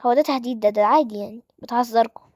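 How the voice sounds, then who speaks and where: A woman with an Egyptian Arabic accent voicing a caring mother who gently scolds her daughters, in a voiced game role-play series. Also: on the high side, very fast, no room sound, studio quality, lightly acted. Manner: soothing, mildly reproving.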